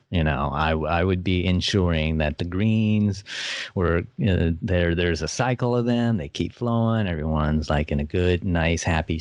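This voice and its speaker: A man's voice: sits low, dry recording. A man co-hosting a podcast in casual chat, rambling with fillers and frequent laughs. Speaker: podcast co-host.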